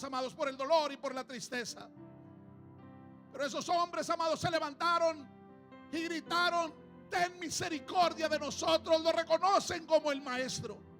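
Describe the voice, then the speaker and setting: A man preaching a sermon to his congregation in church, calling them "amados" and swinging between hushed passages and shouted ones. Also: very high voice. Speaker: pastor.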